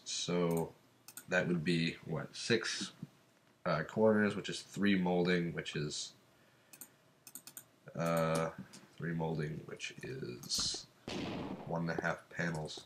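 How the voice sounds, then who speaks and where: A man's voice: low-pitched, slight background noise. A man with a stuffed-up cold giving casual let's-play commentary, rambling and thinking aloud while he counts and crafts. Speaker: gameplay commentator.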